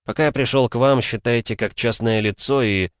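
A man's voice: mid-range voice, a little fast, clear, resonant tone, voice pushed up, lightly acted. Sly, insistent investigator, read by a man. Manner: persuasive, pressing. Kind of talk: audiobook character voice.

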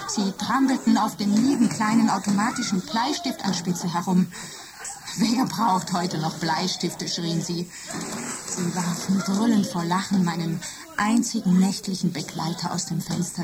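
A woman playing a lovesick, jealous female office computer in a radio drama, speaking softly and often in a whisper. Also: medium pitch, heavy background noise, lightly acted. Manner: soft, intimate, often whispering. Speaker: computer character.

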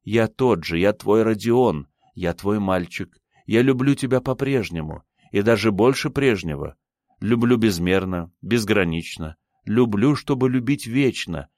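A man's voice: lowish voice, lively intonation, unhurried, a little mellow, dry recording, clean studio sound. A man reading an ardent, fervent lover. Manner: fervent, repeating vows insistently.

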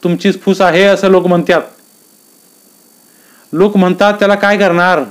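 A man's voice: sits high, level tone, normal speed, smooth, soft background music, pitched above the performer's own voice, natural voice. A man voicing an anxious middle-aged wife who speaks in a worried, warning way.

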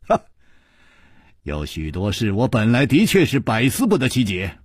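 A man voicing a calm, clever male swordsman hero who reasons things through with small scoffs. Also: on the low side, husky, no room sound, studio quality, full character voice. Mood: reasoning. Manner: measured, reasoning, with little scoffs.

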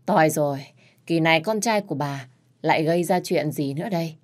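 A woman voicing a fierce middle-aged mother who speaks in a sharp, scolding way in a storybook reading. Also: low voice, a little fast, lightly acted. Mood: angry.

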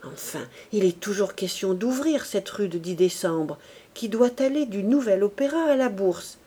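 An eager young shop clerk pleads and persuades in a sweet, sing-song, theatrical way, as a woman reads him aloud. The voice is soft and mellow, with a warm, rounded tone. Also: medium pitch, animated, moderate pace, husky. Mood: persuasive.

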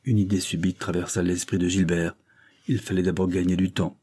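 Husky man reading a classic novel. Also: low-pitched, fairly quick, no echo. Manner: steady, literary. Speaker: audiobook narrator.

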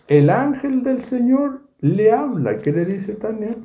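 Teaching through the Bible verse by verse, this man brings the scenes to life by acting them out with animation. His voice sits high and moves slowly. The recording sounds echoey, muffled, and lo-fi, as if made in a room.

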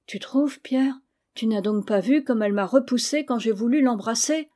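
A woman's voice: fairly high pitch, moderate pace, warm tone, natural voice. A woman reading an anxious, tender mother. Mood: earnest. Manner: earnest and worried, firm with her child. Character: anxious, tender young mother, easily discouraged. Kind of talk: audiobook reading of a classic novel.

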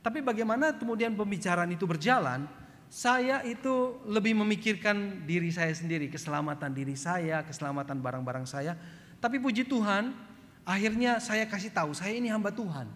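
A male pastor from Flores in eastern Indonesia, preaching a sermon and telling a story, acting out shouted quotes and often adding "gitu ya". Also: moderate pace. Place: church hall. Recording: long hall reverb, faint rumble.

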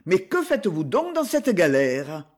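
A man's voice: high voice, wildly swooping pitch, unhurried, darkish tone, exaggerated voice. A man reading the part of a proud, hot-tempered chevalier hero who gives orders and threats. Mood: curious. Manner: commanding, menacing.

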